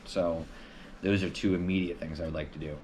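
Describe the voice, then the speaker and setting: Low-voiced man rambling on a home live stream. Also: fairly even intonation, brisk, a little mellow, slight background noise. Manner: rambling, loose, lots of filler words. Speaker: live stream host answering viewer questions. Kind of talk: casual live stream chat.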